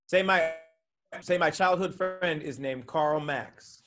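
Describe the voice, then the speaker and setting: A man's voice: on the high side, slow. A man on a podcast panel, chatting and joking casually.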